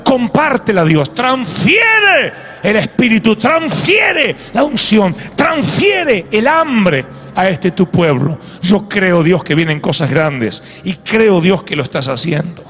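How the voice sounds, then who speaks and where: Impassioned high-voiced preacher man. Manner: impassioned, swings from shouting to hushed prayer. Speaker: pastor. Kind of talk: fervent sermon with prayer. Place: church.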